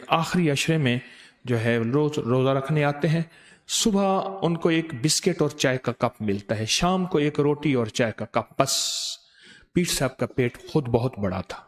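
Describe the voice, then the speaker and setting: A middle-aged man preaching at a dawn gathering, telling lively stories and slowing into chanted prayer. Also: on the high side. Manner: storytelling, animated, breaks into slow recitation. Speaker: spiritual teacher. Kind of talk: devotional sermon with chanted prayer.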